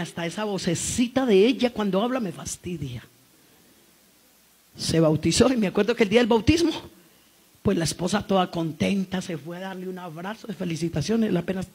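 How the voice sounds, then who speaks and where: A middle-aged woman preaching a testimony sermon in church, impassioned and rising to shouts. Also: medium pitch, fairly quick, slightly rough. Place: church service.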